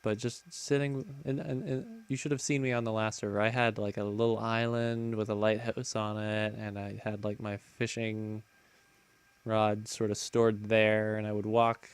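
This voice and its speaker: A man's voice: fairly low pitch, level tone, moderate pace, smooth, no echo. A man hosting a casual game commentary, chatting in a rambling way and often correcting himself mid-sentence. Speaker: let's play host.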